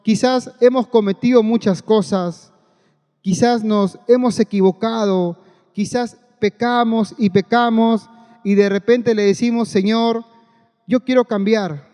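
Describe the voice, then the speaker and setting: A man's voice: high voice, steady tone, unhurried, dark tone, clear, resonant tone. A man preaching a sermon in an earnest way, repeating his phrases and often turning to address the congregation directly. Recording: long hall reverb.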